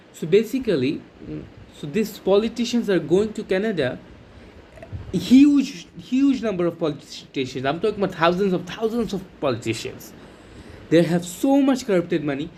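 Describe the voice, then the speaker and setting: A young Bangladeshi man with a higher voice talks excitedly to camera as a vlogger, his speech halting and stop-start with many restarts and fillers. Slight hiss sits in the background.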